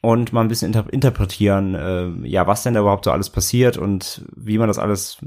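Lower-voiced man, rambling co-host. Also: fairly quick, darkish tone. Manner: rambling retelling with frequent restarts. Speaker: podcast co-host. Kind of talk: casual chat.

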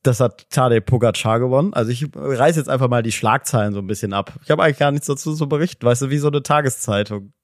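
Ein Mann, der als Co-Host in einem lockeren Podcast-Gespräch scherzt, oft lacht und Schlagzeilen vorliest. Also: male voice, medium pitch, fast talker, few pauses, dry recording, studio quality. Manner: jokey, laughs often, reads headlines aloud. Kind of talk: casual podcast chat.

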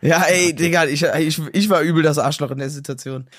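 A young man co-hosting a podcast in casual chat, slangy and excitable, acting out quotes. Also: on the high side, fairly quick, no room sound, clean studio sound. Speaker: podcast co-host.

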